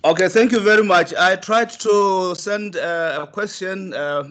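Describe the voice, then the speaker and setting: A man on a video call asks a question, hesitating as he goes. His voice sits a little high. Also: a little slow, fairly bright tone. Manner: hesitant, many fillers. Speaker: webinar participant.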